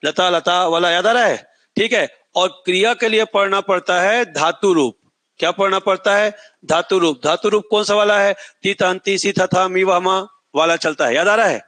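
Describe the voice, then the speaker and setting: A middle-aged male coaching teacher lectures a class, dictating notes, repeating key words, and often asking students if they remember. His high-pitched voice is a bit bright and moves at normal speed, and he sings a film line as an example.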